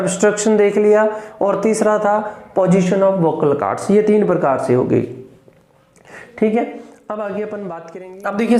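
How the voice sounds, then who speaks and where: A man teaching phonetics in a slow lecture. He repeats each sound and keeps asking whether it is clear. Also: high-pitched, darkish tone, reverberant. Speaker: English teacher.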